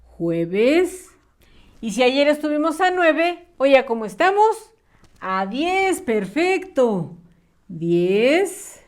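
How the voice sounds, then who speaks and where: Slow sing-song woman teacher. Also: high voice, sing-song. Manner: slow, patient, sing-song questions to children. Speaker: primary school teacher. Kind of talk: online class for young children.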